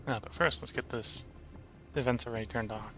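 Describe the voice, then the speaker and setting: A man giving casual gameplay commentary as he plays, thinking aloud in a halting way. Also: mid-range voice, fairly even intonation, vocal fry, pushed and bright, soft background music. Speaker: host of a blind video game playthrough.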